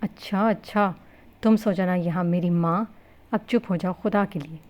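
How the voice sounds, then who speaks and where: A woman's voice: on the low side, a little mellow, lightly acted. Cold bossy young husband, woman reading him out, snappy and scolding. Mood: exasperated. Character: blunt young husband, sharp-tongued and cold. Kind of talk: novel reading with character voices.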